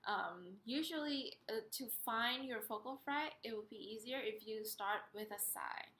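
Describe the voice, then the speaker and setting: A woman giving an instructional singing lesson, explaining step by step in a hesitant, pausing way. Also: a little high, fairly bright tone. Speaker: singing teacher. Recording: roomy, echoey sound.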